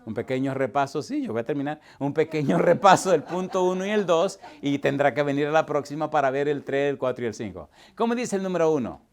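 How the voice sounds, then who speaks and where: A man preaching at a seminar, his voice fairly high. He draws answers from his listeners with question after question, going from loud to hushed. It sounds like a lively teaching sermon in front of a live audience. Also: fast, hardly any pauses. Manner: asks the audience constant call-and-response questions; animated, swings from loud to hushed. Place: church hall with live audience.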